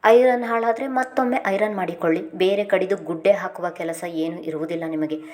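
A woman's voice: on the low side, steady tone, normal speed, darkish tone, close to an everyday voice. A woman voicing a cheeky young wife who answers her husband with playful retorts.

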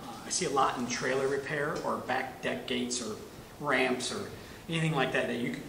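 A creaky, mid-range male voice at normal speed talks casually while his hands work, demonstrating welding equipment in a welding shop corner with a curtain backdrop. He is in his thirties, and the background is noisy.

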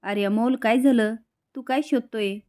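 A clever young boy presses the grown-ups with insistent questions, as a woman retelling a serial reads his lines. The pitch lifts slightly, but it stays close to her own voice. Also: steady tone, moderate pace, a little mellow, natural voice.

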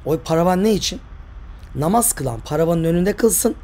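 A man's voice: fairly high pitch, lively intonation, normal speed, darkish tone. An older man, a tour guide and author, giving emphatic, argumentative vlog commentary full of rhetorical questions. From Turkey.

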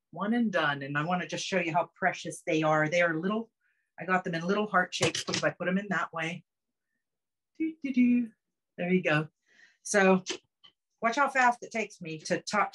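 A woman's voice: fairly low pitch, moderate pace, long pauses, fairly bright tone, slight background noise. Chatty woman demoing a home recipe. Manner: chatty, upbeat, step-by-step explaining. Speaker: cooking demonstrator. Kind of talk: casual cooking demo on a video call. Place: home kitchen, indoors. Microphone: phone camera close up.

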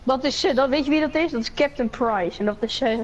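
A woman's voice: sits high, brisk, highs cut off. A woman with a Dutch accent in a casual game role-play, rambling and playful. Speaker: role-play player voicing a duck brother.

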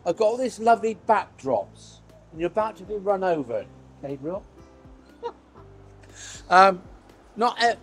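A man, chatting reflectively and a little hesitantly outdoors as he shows someone around a town. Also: high voice. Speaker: town crier giving an interview. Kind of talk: casual walking chat. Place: outdoors on a town high street.

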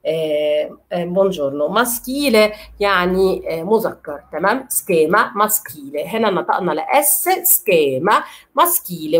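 A woman with an Egyptian Arabic accent teaching Italian, repeating words slowly and often checking that her students follow. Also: medium pitch. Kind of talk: online language lesson.

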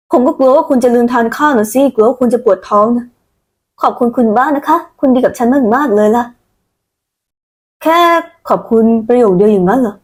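A woman reading out a manga recap, voicing every character herself. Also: sits high. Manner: switches between character voices. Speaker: narrator voicing all characters.

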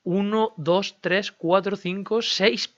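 Male gaming host, chatty self-talk over gameplay, crisp slightly dull mic. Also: high-pitched, fairly even intonation, slow pace. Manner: chatty, talks to himself and viewers while negotiating. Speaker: gaming YouTuber. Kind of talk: casual game commentary.

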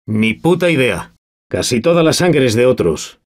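A man voicing a gruff, sardonic older war veteran in a video game, swearing often. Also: mid-range voice, big pitch swings, moderate pace, natural voice. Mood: wounded. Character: gruff old male war veteran survivor. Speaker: game character.

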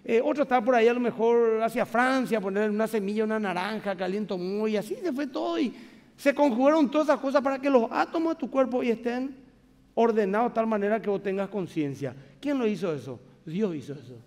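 A man's voice: sits high, lively intonation, a little fast, a little mellow, big-room sound. A man pastor with a Paraguayan accent preaching a sermon, emphatic and conversational, speaking straight to the congregation in a large church. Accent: Paraguayan Spanish.

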